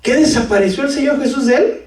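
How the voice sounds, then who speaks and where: A pastor preaches a sermon fast in a high voice, lively and full of jokes and shouts, calling the congregation "brother." He's recorded from far off in an echoey church hall.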